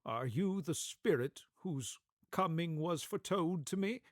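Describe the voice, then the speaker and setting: A man's voice: a little high, animated, unhurried, no echo, clean studio sound, voice pushed up. A man playing a fretful, bewildered old miser in a storybook radio play, querulous and hesitant. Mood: wary.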